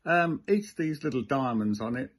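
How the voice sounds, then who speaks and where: Brief: older man, husky, measured guest explainer on a home vlog. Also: mid-range voice, animated. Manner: plain and measured, with filler pauses. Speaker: guest presenting history facts. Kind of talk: informal explainer.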